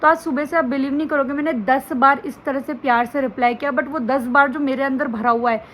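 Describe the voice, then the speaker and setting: High-voiced young mom venting. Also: female voice, fairly even intonation, a little fast, fairly bright tone, slight background noise, low-quality recording. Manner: frank, venting, rambling with many fillers. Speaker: mom vlogger. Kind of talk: casual confessional chat to camera. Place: indoors at home beside a sleeping child.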